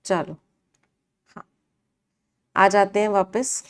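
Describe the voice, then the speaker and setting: A woman's voice: mid-range voice, drawn-out words. A woman teaching English vocabulary in a live online class, asking the class questions, answering them herself and repeating each meaning.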